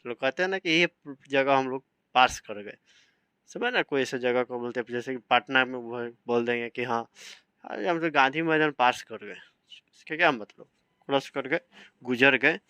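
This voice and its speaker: A man's voice: medium pitch, normal speed, pushed and bright, smooth, dry recording. Guy teaching vocab, spells every word out, keeps checking the class follows, dry room. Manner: spells words letter by letter, often asks "samajh rahe na". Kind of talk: vocabulary lesson, spelling out words.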